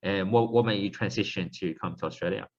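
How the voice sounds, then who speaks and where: Very deep-voiced host from Hong Kong. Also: male voice, lo-fi sound. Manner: brief backchannels, halting questions. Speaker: podcast host. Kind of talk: casual conversational interview.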